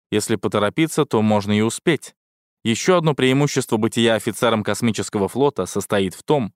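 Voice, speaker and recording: A man's voice: fairly low pitch, no echo, clean studio sound. A man reading a first-person science fiction audiobook in a wry, sardonic tone. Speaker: audiobook narrator. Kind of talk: scripted first-person sci-fi narration.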